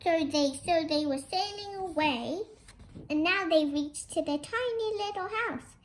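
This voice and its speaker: A child presenter with a very high-pitched voice reads a picture book in an unhurried, expressive way, talking directly to young listeners with chatty comments and sing-song repeated hellos. Slight background noise can be heard.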